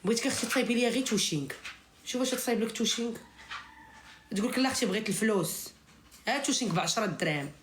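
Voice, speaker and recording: A woman's voice: a little high, expressive, very fast, pauses often, slight background noise. A woman with a Moroccan accent venting in heated informal live chat, insistently repeating her phrases for emphasis. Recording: roomy, echoing sound.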